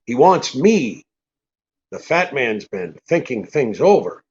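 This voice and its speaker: A man's voice: mid-range voice, very animated, slow pace, a little mellow, breathy edge, faint music behind, exaggerated voice. A man playing a cynical, wisecracking hard-boiled detective in a radio drama, brusque and sardonic. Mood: mocking. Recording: dull, muffled radio recording.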